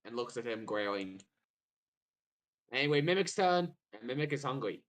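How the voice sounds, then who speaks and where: A man running a streamed tabletop game as game master, narrating with lively, theatrical swings of excitement. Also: mid-range voice, normal speed.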